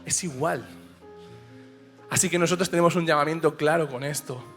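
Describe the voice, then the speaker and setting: A male pastor preaching a passionate sermon in a church, swinging from hushed lines to shouts. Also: fairly high pitch, normal speed. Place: church auditorium. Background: soft piano.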